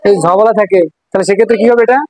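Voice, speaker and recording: A woman's voice: mid-range voice, fairly even intonation, very fast, darkish tone, no echo, low-quality recording. Dry-sounding woman teaching a class. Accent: Bangladeshi Bengali. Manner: coaxing, asks questions and repeats answers. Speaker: math teacher. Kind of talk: classroom lesson to students.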